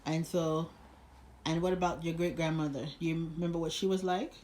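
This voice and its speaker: A grandchild interviewing their grandfather, gently prompting with short questions and frequent okays. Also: mid-range voice, flat delivery, brisk, roomy sound, slight background noise. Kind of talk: casual interview.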